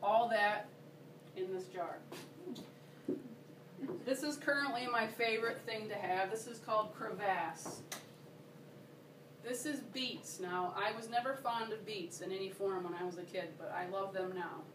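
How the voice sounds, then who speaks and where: A woman's voice: medium pitch, unhurried. Chatty woman demonstrating in an echoey room. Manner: chatty, enthusiastic, checks in with listeners. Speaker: workshop presenter. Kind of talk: casual demonstration talk. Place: workshop room. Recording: roomy, distant, noisy room recording.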